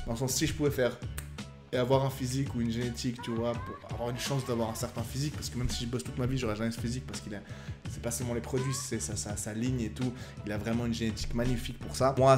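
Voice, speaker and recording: A man ranting and commenting heatedly as a YouTuber reacting to videos, repeating himself and swearing. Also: medium pitch. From France.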